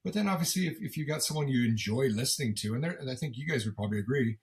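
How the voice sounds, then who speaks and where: A middle-aged man with a gravelly smoker's rasp chats casually as a sports interview guest, often repeating words as he goes in a folksy, self-deprecating way. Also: medium pitch, animated, rapid-fire. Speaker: football commentator and former coach, as guest.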